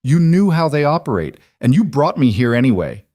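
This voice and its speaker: A man reading a young woman's lines in a story, speaking in a sharp, accusing way with a raised voice. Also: medium pitch, sing-song, fairly quick, no echo, studio quality, pitched above the performer's own voice, lightly acted. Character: young woman, wary bride, hurt and angry.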